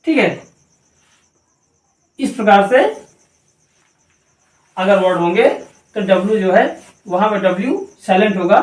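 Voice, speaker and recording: A female English teacher gives a slow pronunciation lesson, spelling words out letter by letter and asking and answering her own questions. Her mid-range voice comes from off-mic, far away in an echoey room.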